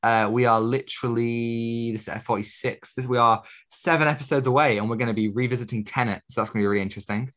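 A man's voice: mid-range voice, steady tone, fast talker, hardly any pauses, fairly bright tone. A young man, co-hosting a film podcast in a rambling, self-correcting way. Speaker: podcast co-host. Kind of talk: casual chat.

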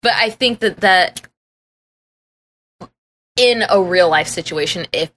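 A woman's voice: on the low side, slow pace, a bit bright. A woman co-hosting a casual podcast, chatty and teasing, laughing a lot and leaning on fillers. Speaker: podcast co-host.

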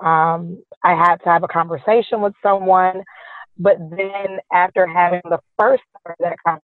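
A woman from the southern United States with a hoarse, raspy voice, speaking conversationally as a podcast guest. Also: lowish voice, fairly even intonation, moderate pace, no echo. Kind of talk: conversational interview. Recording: thin phone-like line.

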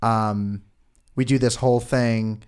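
A man's voice: slow, clean tone. A young man co-hosting a podcast in casual, jokey chat. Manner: animated, jokey, bursts into falsetto singing. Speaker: podcast co-host.

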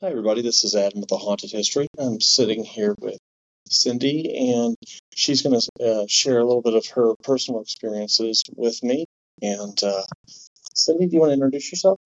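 Mid-pitched male interviewer, dull audio. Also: normal speed. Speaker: podcast interviewer. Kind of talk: casual interview questions.

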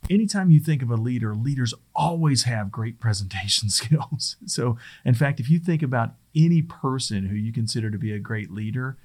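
A man's voice: medium pitch, darkish tone. A middle-aged man teaching presentation skills in a casual, conversational way, often restarting his sentences. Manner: conversational, loose and rambling, often restarts phrases. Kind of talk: casual spoken lesson.

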